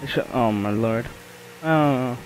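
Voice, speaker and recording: A man's voice: mid-range voice, moderate pace. A man giving casual, reactive commentary while playing a video game, often mumbling asides. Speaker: gamer.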